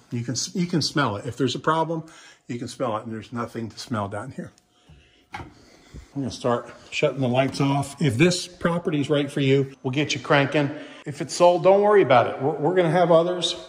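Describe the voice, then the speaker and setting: Speaking in a mid-range voice, a Kentucky real estate agent in middle age gives casual commentary while touring an empty house on his phone camera. He's chatty and folksy, dropping salesy asides and restarting sentences. Most of the walk is indoors, with a few steps outside.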